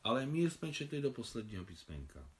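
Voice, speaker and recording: A man reading aloud the lines of a shy, bookish young female nurse in a novel, in a soft, hesitant manner. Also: medium pitch, big pitch swings, natural voice.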